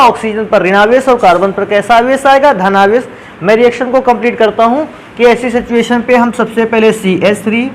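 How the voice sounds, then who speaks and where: A man's voice: extremely high pitch, slight background noise, low-quality recording. A man teaching a chemistry lesson in a classroom style, asking questions and answering them himself and addressing students fondly as children.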